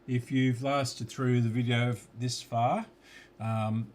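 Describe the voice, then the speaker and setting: Talking through a radio repair at his workbench, an Australian electronics hobbyist mutters slowly to himself, occasionally with his mouth full. His mid-range voice is a little mellow, and his delivery is flat.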